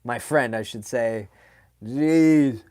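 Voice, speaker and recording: A man runs a relaxed livestream, answering viewers in a loose, slangy way full of fillers and asides. His voice sits at an ordinary middle pitch. The sound is dry, with no room echo. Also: slow pace. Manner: chatty and animated, with slangy asides and frequent fillers. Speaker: livestream host answering chat questions. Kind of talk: casual livestream chat.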